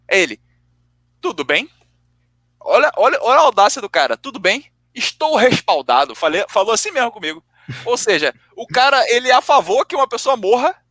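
A young man telling a story in casual chat, swearing often and acting out the arguments with animated quoted dialogue. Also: fairly high pitch, dry recording. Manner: animated, profane storytelling, acts out both sides of arguments.

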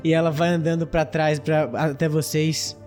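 A man's voice: fairly high pitch, completely flat delivery, moderate pace, a little mellow, soft background music. A man narrating a tabletop role-playing game as game master, describing scenes with frequent laughs.

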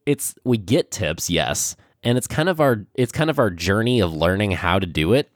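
Deep-voiced, congested young man. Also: animated, dry recording, studio quality. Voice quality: nasal. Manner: hesitant, lots of ums and pauses. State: congested from a cold. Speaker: podcast co-host. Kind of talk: casual podcast chat.

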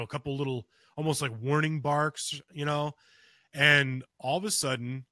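On a podcast, a co-host with a mid-range voice recounts a personal story in a casual, rambling way, full of restarts, fillers and "you know." He becomes louder and more urgent as the tale builds, and the recording is dry.

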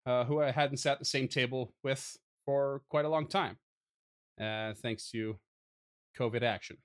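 A man's voice: mid-range voice, steady tone, a little slow, clear, resonant tone. Chatty laughing podcast host man. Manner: chatty, laughs often, teasing. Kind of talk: casual chat.

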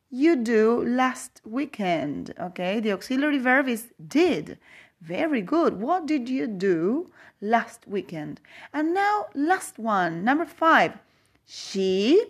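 A woman teaches an English grammar lesson in a fairly high, lively voice that rises and falls a lot. She reads the example sentences slowly and carefully, slipping into to explain and checking in with a repeated "okay?".

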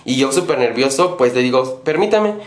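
A man's voice: medium pitch, fairly quick, echoey room. Rambling Mexican man telling a story. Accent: Mexican Spanish. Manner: rambling, with many fillers and self-corrections. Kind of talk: casual storytelling.

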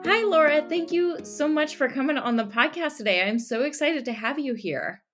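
A woman's voice: sits high, lively intonation, normal speed, over music. A woman hosting a podcast, reading an upbeat scripted intro and then welcoming her guest with enthusiasm. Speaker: podcast host.

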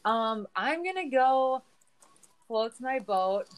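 A woman's voice: on the high side, expressive, takes it slowly, clear, resonant tone. A woman co-hosting a podcast, talking off the cuff in casual chat. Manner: off-the-cuff, hesitant fillers. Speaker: podcast co-host.

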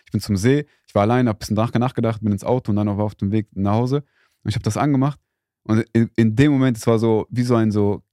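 A man's voice: on the low side, steady tone, fast, warm tone, no room sound, clean studio sound. A young man co-hosting a casual faith podcast, talking in a rambling, hesitant way with many fillers. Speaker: podcast co-host.

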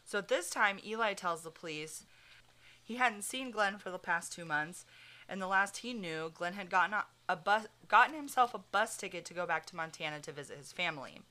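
A woman's voice: lowish voice, lively intonation, a little fast, bright, forceful tone. A woman hosting a podcast, telling a true crime story in casual chat, full of fillers and swearing. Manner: chatty, many fillers like "like", swears freely. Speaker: podcast host.

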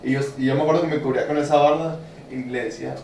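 A man's voice: on the high side, steady tone, rapid-fire, gravelly, a crowd in the background. A man with a Mexican accent, co-hosting a podcast and telling stories in casual, slangy chat. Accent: Mexican Spanish. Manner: slangy, storytelling, swears often. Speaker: podcast co-host. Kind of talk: casual chat among friends. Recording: echoey room, distant mic, faint hiss.

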